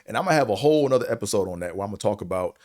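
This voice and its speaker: A show host reviewing a series gives a casual opinion monologue in a deep, low male voice. He's blunt and swears freely, drifting from point to point with a slight stutter and padding pauses with "man" and "you know." His delivery is animated and racing, yet a little mellow.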